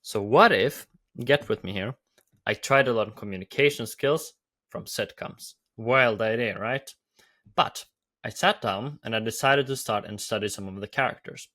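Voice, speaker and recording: A man's voice: fairly low pitch, moderate pace, sharp tone. A man from Norway with a Norwegian accent, hosting an enthusiastic video commentary with repetitive phrasing. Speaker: YouTube host.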